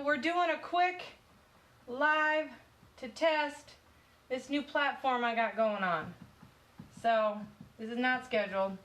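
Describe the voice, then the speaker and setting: On a phone-recorded live stream of low quality, a woman with a Southern US accent leads a painting tutorial, chatty and loose, narrating each step as she works. Her voice is fairly high and fairly bright.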